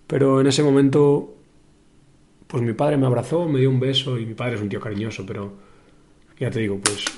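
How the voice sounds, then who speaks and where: Young male podcast host from Spain, reflective monologue, even and flat, mid pitch, halting with fillers. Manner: thoughtful, many pauses and fillers, addresses the listener.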